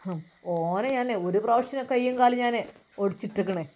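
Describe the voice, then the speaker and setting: A woman voicing an angry, stern middle-aged father who shouts accusations and threats. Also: on the high side, moderate pace, natural voice. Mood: furious.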